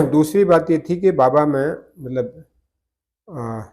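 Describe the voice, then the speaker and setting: An older man, a guest in a conversation, remembers the past in a measured, reflective way and often corrects himself mid-sentence. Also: on the high side, animated, a little mellow. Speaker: interview guest. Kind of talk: reminiscing conversation.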